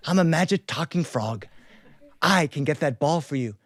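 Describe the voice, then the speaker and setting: A man's voice: fairly high pitch, animated, normal speed, no echo. Hideous, pushy storybook frog, voiced by a male storyteller; insistent bargainer, tone rising a bit.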